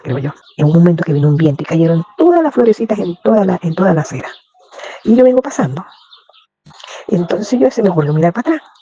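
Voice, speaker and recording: Husky gravelly-voiced woman testifying fervently. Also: low-pitched, warm tone, highs cut off. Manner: fervent, prayerful, repeats praise phrases. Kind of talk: emotional faith testimony.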